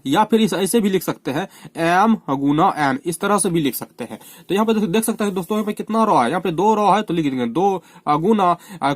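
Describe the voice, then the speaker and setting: A man's voice: sits high, no room sound. A man from India teaching a math lesson at a board, repeating terms and often urging the students to watch closely. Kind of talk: classroom lesson explaining at a board.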